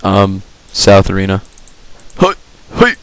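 A man on a headset giving live gameplay commentary, excitable and swearing as he shouts at the game. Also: on the low side, moderate pace, no echo. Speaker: gaming video host.

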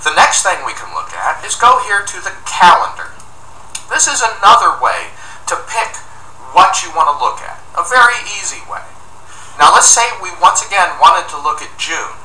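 Man explaining software steps, bright and roomy. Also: sits high, big pitch swings, moderate pace. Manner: upbeat, step-by-step explaining. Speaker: software tutorial presenter. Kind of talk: screencast walkthrough narration. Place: office room indoors, at a desk. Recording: roomy, distant mic with faint noise.

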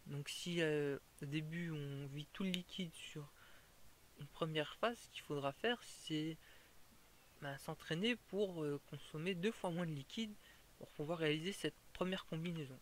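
A man's voice: a little high, a little slow, a little hiss or hum. A man explaining a fire-breathing tutorial in an informal way, stopping and restarting as he goes over each step.

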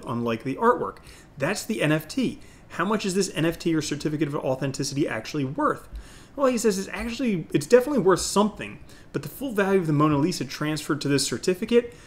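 A middle-aged man hosting an opinionated crypto video, talking like an informal, salesy crypto bro to the camera. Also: fairly high pitch. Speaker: crypto YouTube host.

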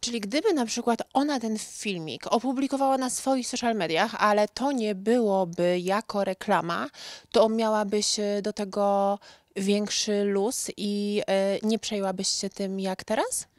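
A woman's voice: medium pitch, steady tone, a little slow, a little mellow, dry recording. A young woman reporter asking friendly, winding questions on a studio sofa into a handheld mic. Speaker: interviewer, entertainment reporter. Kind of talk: showbiz interview questions. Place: indoor studio set on a sofa.

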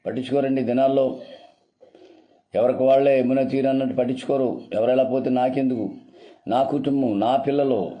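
A man's voice: medium pitch, mellow. A male pastor preaching a sermon earnestly, repeating phrases and calling his listeners beloved.

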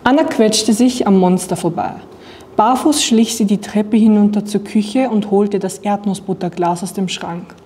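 Mellow-voiced young woman reading a storybook. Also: mid-range voice, normal speed, a little hiss or hum. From Austria. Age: young adult. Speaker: student reading aloud. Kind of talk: reading a picture book aloud.

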